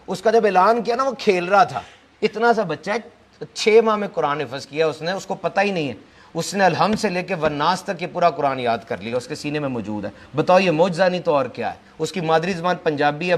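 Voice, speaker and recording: High-voiced man giving a motivational lecture. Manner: rhetorical, quick lists and questions, mixes in English phrases. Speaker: motivational speaker. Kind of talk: motivational lecture to a live audience.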